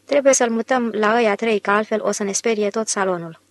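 A woman's voice: medium pitch, no echo, natural voice. A woman reading the part of a young female doctor, friendly and patient.

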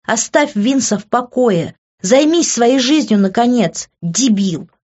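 A jealous young woman tears into someone, her voice high and sharp, done by a woman reading a storybook. The recording is a little dull and lo-fi. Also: expressive, slow pace. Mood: furious scolding. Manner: shrill, scolding. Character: jealous hot-headed young woman, scolding fiancée.

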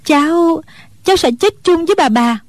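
A woman's voice: very high voice, lively intonation, normal speed, a little mellow, dry recording, clean studio sound, pitched above the performer's own voice. A woman voicing a frightened young girl who stammers anxiously in a storybook reading.

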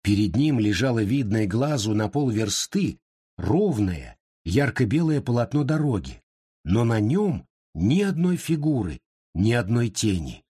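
A man reading a story aloud in a measured, expressive storytelling manner. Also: mid-range voice, husky. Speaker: narrator. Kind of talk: scripted audiobook narration.

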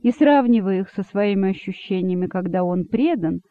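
A woman's voice: medium pitch, dry recording. Woman reading a fable over a tinny line. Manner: measured, expressive reading. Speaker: narrator. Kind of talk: reading a satirical fable aloud. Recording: dry tinny phone-like sound.

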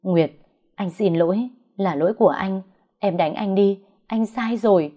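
A woman voicing a guilty young husband who pleads in a low, hurried voice, in a story reading on dull, lo-fi audio. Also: dark tone, close to an everyday voice. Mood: pleading. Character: young man, cheating husband, pleading then cold.

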